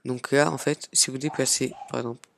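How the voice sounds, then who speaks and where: A man casually hosting a software tutorial, chatting along as he clicks and filling pauses with little "hop" and "voilà" sounds. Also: mid-range voice, flat delivery, creaky, no echo. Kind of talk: casual screen-recorded tutorial.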